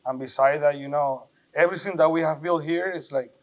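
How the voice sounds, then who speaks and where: A man from Venezuela, a brewery co-founder, chatting as a guest in a relaxed, friendly way with casual slang. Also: fairly high pitch, brisk, a crowd in the background. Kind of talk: casual chat.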